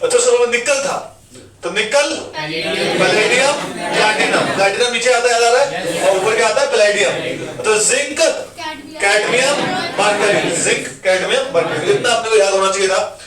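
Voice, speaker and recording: A man's voice: high-pitched, moderate pace, a loud crowd. A man teaching chemistry to a class, quizzing students and chanting memory lines for the elements. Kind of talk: classroom lecture with mnemonics. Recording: echoey room, mic far off, class noise.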